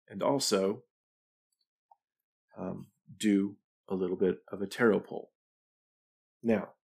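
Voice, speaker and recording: A man's voice: lowish voice, vocal fry, a little mellow. A middle-aged man hosting a livestream, talking casually and reflectively, with fillers and restarts. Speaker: livestream host.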